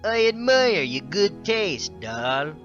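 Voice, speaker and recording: A man playing a cocky high-school bully in a hammy dramatic reading, mocking and brash. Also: big pitch swings, slow, a bit bright, full character voice. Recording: roomy, dull lo-fi, music behind.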